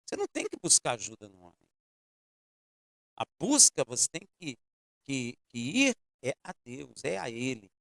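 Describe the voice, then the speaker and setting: A man's voice: mid-range voice, wildly swooping pitch, normal speed, creaky, pauses often, no room sound, studio quality. A man preaching a sermon as pastor, telling a personal story and speaking directly to his congregation. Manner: storytelling with shifting loudness, addresses congregation directly. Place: church.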